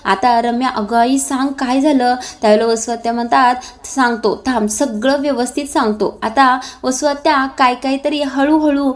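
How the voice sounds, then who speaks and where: A woman retelling a TV serial episode, narrating the scenes and reading out each character's lines in a steady storytelling voice, with small filler sounds between phrases. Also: high voice, normal speed, hardly any pauses.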